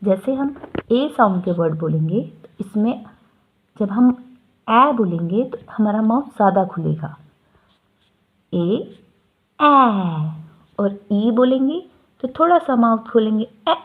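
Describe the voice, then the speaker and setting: A woman teacher giving children a slow, patient phonics lesson, sounding out letters one by one. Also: on the high side, expressive, husky. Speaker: school teacher. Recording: tinny phone-like sound.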